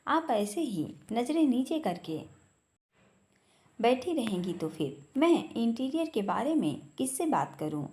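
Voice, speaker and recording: A serious, composed male boss, put on by a woman narrator in a storybook reading. He speaks calmly and with measured weight, his voice pitched a little below the narrator's own yet still lively in its rise and fall. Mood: grave.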